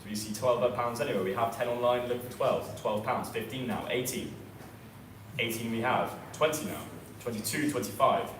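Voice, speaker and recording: In an indoor auction sale room, a male auctioneer with a medium-pitched, fairly bright voice chants out live bids at a moderate pace, repeating prices and increments over and over. The mic is distant, the room echoes, and background noise is audible.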